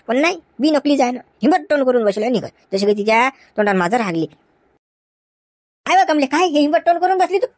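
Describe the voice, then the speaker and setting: A performer voicing an impatient village husband in a cartoon, scolding and nagging. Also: male voice, very high-pitched, no room sound. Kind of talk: cartoon voice acting.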